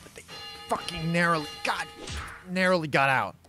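A man's voice: on the high side, normal speed, sharp tone, faint music behind. A man giving mock-dramatic comedic narration of a game story, grandiose phrasing mixed with casual swearing.

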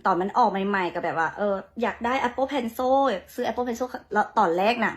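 A woman with a Lao accent telling a story in a blunt, animated, mocking way as a vlogger. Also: fairly high pitch, normal speed. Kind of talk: casual storytelling rant.

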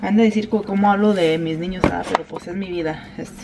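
Cooking in her home kitchen, this female vlogger keeps up a chatty stream of talk, often switching languages and dropping English fillers into Spanish, with pans clanking and other noise behind her. She speaks fairly quickly in a lowish, steady voice.

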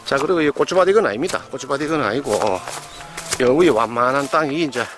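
A man's voice: medium pitch, animated, brisk, a bit bright. Chatty man with a Gyeongsang accent. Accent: Gyeongsang dialect Korean. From Gyeongsang region, South Korea. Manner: chatty, folksy, pointing things out to viewers. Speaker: real estate channel host. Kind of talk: casual on-site property tour. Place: outdoors on rural farmland. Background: background music.

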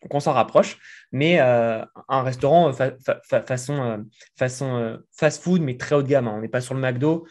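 A French entrepreneur in his thirties chats casually as an interview guest from his living room, with many fillers, speaking into a desk mic visible in frame. His voice is mid-range and darkish in tone, at a normal speed.

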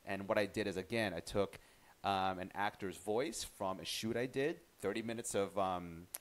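Low-voiced man in a casual tutorial. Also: normal speed. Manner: chatty, relaxed, with frequent restarts. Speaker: tutorial host. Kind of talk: casual screen-recorded software tutorial.

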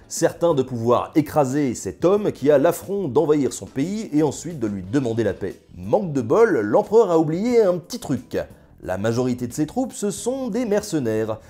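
Lively, jokey young man telling history. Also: medium pitch. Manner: jokey, ironic, slangy asides. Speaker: history video host. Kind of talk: casual scripted history narration.

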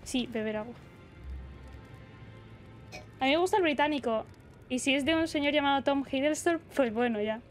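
A woman's voice: high voice, moderate pace, long pauses, soft background music. A young woman streamer from the Basque Country chatting casually and rambling while gaming. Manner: chatty, reads chat aloud, rambling.

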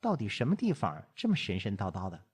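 Coquettish young woman in an audiobook, teasing, bright and lively; a man reads her. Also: on the low side, fairly quick, breathy edge, exaggerated voice. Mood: pouting. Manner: playful, pouting.

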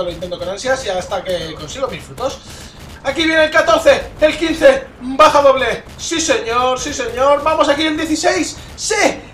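High-voiced excitable gamer man. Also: a little hiss or hum. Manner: excitable, swears often, talks to viewers. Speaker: gamer commentator. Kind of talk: live gameplay commentary. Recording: roomy, distant mic.

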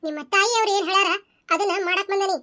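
A woman's voice: very high voice, fast talker, bright, forceful tone. A woman voicing a loyal young village maid in a cartoon, firm and respectful, with a North Karnataka Kannada accent. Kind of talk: cartoon voice acting.

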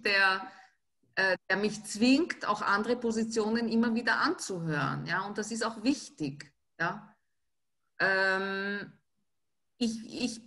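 A woman's voice: mid-range voice, sharp tone. Earnest woman speaking on a video call. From Austria. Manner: earnest and personal, with frequent hesitations and repeated words. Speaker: author and panel guest. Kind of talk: reflective panel conversation. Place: home study with bookshelves.

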